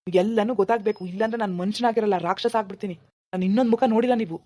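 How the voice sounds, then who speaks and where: A woman voicing an angry village husband in a cartoon, accusing and threatening in a fast, dark voice. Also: medium pitch, fairly even intonation, natural voice. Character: furious village husband, middle-aged man. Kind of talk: cartoon voice acting.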